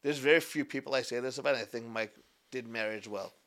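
A man's voice: medium pitch, fast talker, fairly bright tone. A man in his twenties, a podcast guest in casual chat, talking animatedly, repeating himself and acting out what people say. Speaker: podcast guest, business founder.

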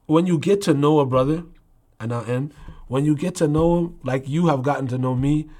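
A man's voice: on the high side, normal speed, dark tone. Earnest, emphatic man in conversation. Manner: emphatic, with repeated rhetorical check-ins. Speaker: interview guest. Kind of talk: heartfelt conversational talk.

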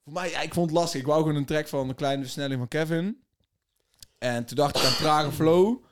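A man's voice: on the high side, brisk, over a noisy crowd. A young man co-hosting a podcast, talking in a laid-back, slangy way with lots of fillers. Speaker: podcast co-host. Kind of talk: casual chat.

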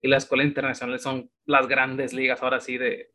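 A man in his thirties with a Mexican accent, a guest telling his story in a relaxed, chatty way with plenty of fillers. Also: mid-range voice, fast talker. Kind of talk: casual interview chat.

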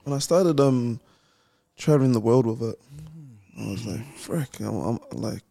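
A man's voice: medium pitch, unhurried, creaky, dark tone, no echo. Easygoing young Kiwi man, dry close mic. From England. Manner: easygoing, laughs often, mild swearing substitutes. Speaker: guest boxer. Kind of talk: casual podcast chat.

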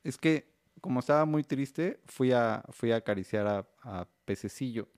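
A man's voice: mid-range voice, lively intonation, moderate pace, a little mellow, no room sound, clean studio sound, close to an everyday voice. A curious six-year-old boy pestering his mom with questions, as a man puts him on. He has a whiny lilt, and his voice leaps up and down. His tone is childlike and a little sulky.

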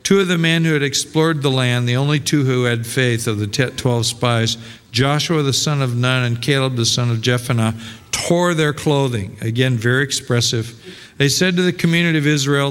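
A man's voice: mid-range voice, moderate pace, fairly bright tone, clean tone. A male pastor preaching a sermon in a conversational way, full of rhetorical questions and restarts. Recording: long hall reverb.

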